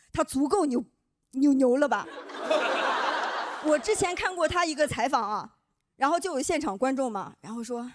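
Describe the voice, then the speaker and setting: High-voiced woman doing stand-up. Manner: self-deprecating, chatty. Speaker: stand-up comedian. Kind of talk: stand-up comedy set.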